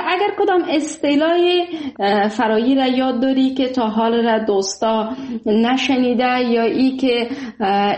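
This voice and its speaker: High-voiced woman radio host, super polite, lots of uh and thanks, echoey room. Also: a little mellow. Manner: polite, many thanks and fillers. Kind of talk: call-in show hosting.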